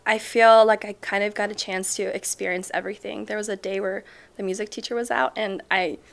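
Woman, twenties, from Chile, teacher, interview answers, thoughtful, ums, middle pitch. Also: steady tone, brisk, creaky. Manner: thoughtful, frequent ums, soft trailing off. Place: school library, indoors. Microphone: off-camera mic, seated interview framing.

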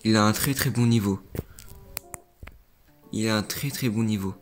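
A man's voice: fairly low pitch, moderate pace, faint music behind. A young man, a gaming YouTuber, rambling through casual reaction commentary on viewer clips and often repeating himself.

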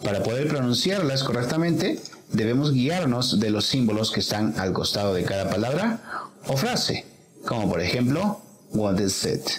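A man's voice: mid-range voice, big pitch swings, normal speed, poor audio. A man teaching an English pronunciation lesson, explaining patiently step by step.

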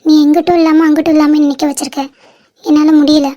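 A young schoolgirl in love, played by a woman, pours her heart out in a very high, emotional voice. She pleads earnestly and drops English words into her speech. It sounds like a homemade drama. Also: little pitch movement, fast, warm tone. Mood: pleading. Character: lovesick young girl student, Pinky. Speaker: channel creator voicing the lead. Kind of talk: amateur drama acting.

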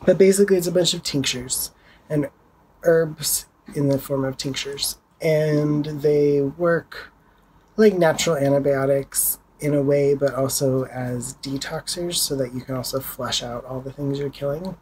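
Casual home vlogger, kinda rambly, mid pitch, little bit of faint background hiss. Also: fairly even intonation, unhurried, darkish tone, rough recording. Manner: chatty, rambling, showing items to camera. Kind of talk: casual video update. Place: home, indoors.

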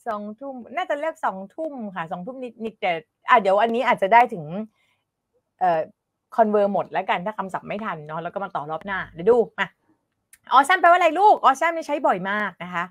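Lively woman teaching English online. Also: medium pitch, fairly quick, dry recording. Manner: chatty, laughs often, coaxes students to answer. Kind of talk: live online English lesson.

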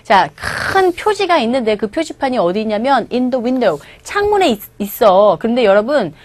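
A woman's voice: a little high, very animated, moderate pace, no echo. A middle-aged Korean woman giving an online English lecture, explaining film lines and having listeners repeat pronunciation. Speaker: English teacher.

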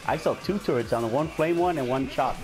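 A man on online game voice chat, casual and full of swearing and laughter as he taunts rival players. His voice sits in a middle range. Loud game music plays behind him. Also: medium pitch, a little fast. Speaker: gamer on voice chat.

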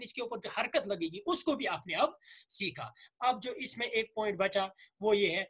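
A man with a Kashmiri accent and slightly hoarse throat, teaching a grammar lesson, asking questions and answering them himself while repeating words slowly. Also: high-pitched, a bit bright. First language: Urdu. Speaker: Arabic teacher.

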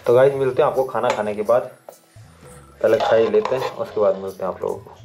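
A man in his twenties from Uttarakhand, India, chats playfully with viewers in a casual vlog, his voice lowish and a little fast. He's filming around a village house kitchen and stone courtyard, with music laid under his voice.

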